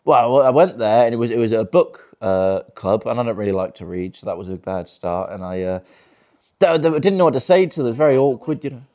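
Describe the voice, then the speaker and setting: This twenty-something man is a stand-up comic in a virtual-reality show, ribbing the crowd crudely and laughing frequently. His medium-pitched voice is dark, animated, and fast.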